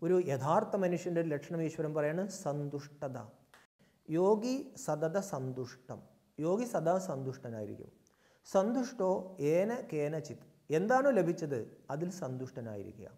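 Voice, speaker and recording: A man giving a spiritual talk, putting questions to his listeners and answering them himself, moving between loud emphasis and soft low asides. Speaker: spiritual teacher.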